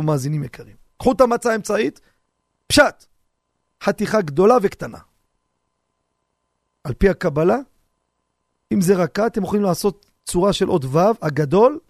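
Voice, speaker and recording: A man, a rabbi, giving a radio sermon on the seder, animated and humorous, full of rhetorical questions. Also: sits high, no room sound, clean studio sound.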